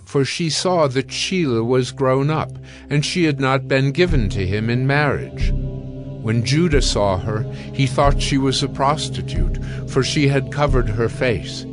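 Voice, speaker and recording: In the style of a scripted audio drama, a man reads scripture at an unhurried pace. His pitch is medium for a male voice, and soft music plays beneath him.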